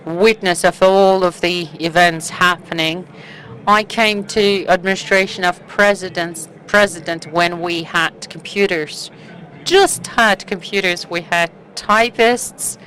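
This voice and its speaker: A woman interpreting live at a conference, in halting phrases that break off mid-sentence. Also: on the low side, a bit bright, rough recording.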